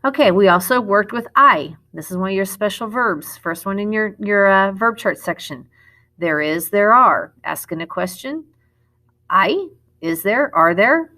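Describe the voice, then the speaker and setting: A woman's voice: medium pitch, animated, moderate pace, sharp tone. A middle-aged woman as a Spanish teacher, recording a classroom lesson video, explaining step by step and correcting herself as she goes.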